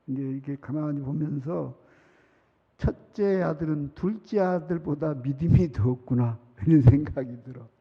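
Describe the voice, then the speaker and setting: A man's voice: on the high side, gravelly, warm tone, breathy edge. A middle-aged man preaching a sermon as pastor, chatty, laughing often and acting out children's pleas. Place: large church sanctuary. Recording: reverberant hall, muffled sound.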